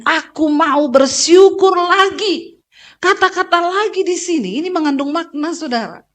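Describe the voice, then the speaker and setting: A woman pastor from Indonesia preaching a lively, joking sermon straight to her congregation during a church service. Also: extremely high pitch. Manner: preaching with sung passages.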